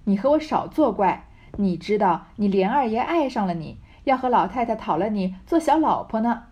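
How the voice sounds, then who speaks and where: A woman reading the lines of a bossy, witty young noble lady who runs the household, in a brisk, teasing manner. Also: mid-range voice, expressive, mellow, husky.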